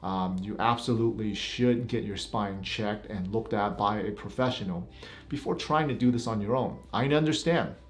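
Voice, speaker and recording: A man's voice: fairly low pitch, normal speed, faint music behind. A middle-aged man, a physician, reacting to clips in a casual commentary, giving blunt warnings with a half-joking edge.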